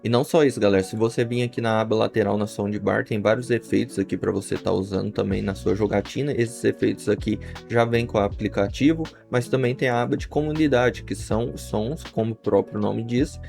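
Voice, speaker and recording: Brazilian male reviewer, creaky mid-pitched voice, casual tutorial delivery, light music bed. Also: a little mellow. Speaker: YouTube software reviewer. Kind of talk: casual scripted-sounding product tutorial. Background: faint guitar music.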